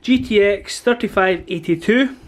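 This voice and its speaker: A man filming a casual unboxing vlog, excitable and gushing, laughing often and exclaiming as he goes. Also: sits high, moderate pace. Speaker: car enthusiast vlogger.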